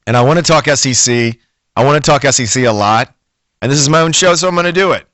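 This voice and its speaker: A man's voice: medium pitch, quick pace, a bit bright, no room sound. A middle-aged man hosting a sports radio show in a studio, brash, opinionated and folksy. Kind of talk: sports talk radio monologue.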